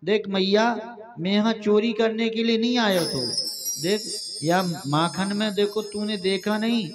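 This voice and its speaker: A man's voice: high voice, fairly even intonation, measured pace, music in the background. A man voicing the mischievous child Krishna, full of coaxing excuses, with a Bundeli accent. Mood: pleading. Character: mischievous little boy Krishna, sweet-talking.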